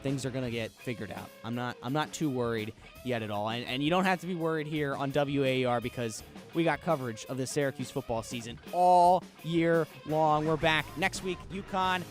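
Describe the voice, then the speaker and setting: A man hosting a casual sports radio show from a studio, telling listeners to calm down in an easygoing way. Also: medium pitch, brisk, soft background music. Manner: laid-back, urging everyone to calm down. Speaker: radio sports talk host. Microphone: studio microphone.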